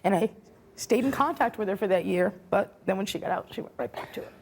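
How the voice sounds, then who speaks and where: A woman's voice: medium pitch, quick pace, vocal fry, breathy edge. A middle-aged woman speaking as a guest on a talk show, earnest and regretful, turning defensive when challenged. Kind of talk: emotional talk show testimony.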